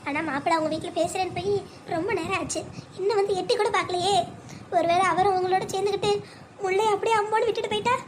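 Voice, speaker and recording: An anxious mother of the bride in a cartoon story, voiced by a woman, wailing and despairing in a very high, quick voice. She frets aloud about her daughter. Steady background noise lies behind her.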